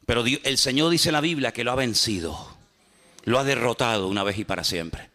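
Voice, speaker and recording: A pastor delivers a lively, animated sermon full of humor, leaning on repetition, rhetorical questions and acted-out dialogues. His voice is mid-range and he talks fairly quickly.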